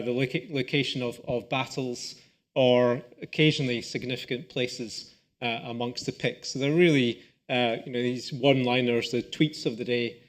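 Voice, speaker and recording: A Scottish man, a professor of archaeology, giving a relaxed public lecture with lots of "uh" and "um" and restarted phrases. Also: medium pitch. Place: lecture hall.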